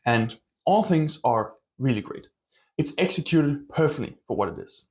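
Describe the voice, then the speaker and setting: Male book reviewer, mid-range voice, relaxed conversational read, hedging and self-deprecating. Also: mid-range voice, moderate pace. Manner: conversational, full of hedging qualifiers like "kind of" and "a little bit". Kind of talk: casual book review to camera.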